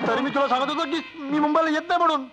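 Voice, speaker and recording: A man's voice: medium pitch, lively intonation, fast, lightly acted. An actor playing a food-loving, simple-minded village man who whines and complains. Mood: whining. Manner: whiny, complaining.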